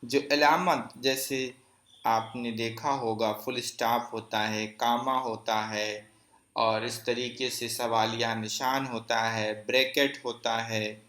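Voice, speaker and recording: Male teacher, mid-pitched, patient exam-prep lesson, asks and answers his own questions, echoey room. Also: steady tone, a bit bright. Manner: explains step by step, asks questions and answers them; repeats key phrases slowly.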